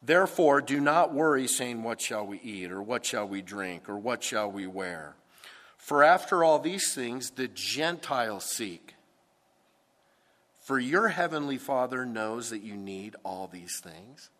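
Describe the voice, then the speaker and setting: A pastor preaching a sermon into a pulpit microphone, with a deliberate, emphatic delivery. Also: male voice, medium pitch, animated, a bit bright. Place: church sanctuary. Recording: long church hall reverb.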